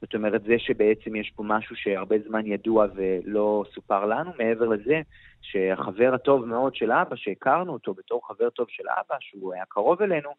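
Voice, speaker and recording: A man's voice: lowish voice, no echo. Hesitant middle-aged man on tinny radio. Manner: hesitant, many pauses and fillers. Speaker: interview guest, author. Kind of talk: reflective interview answers.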